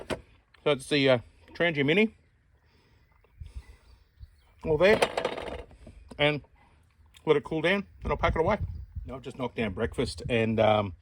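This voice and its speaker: A man hosting an outdoor channel, casually demonstrating a camp stove in a relaxed, rambling, chatty way. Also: medium pitch, a little hiss or hum.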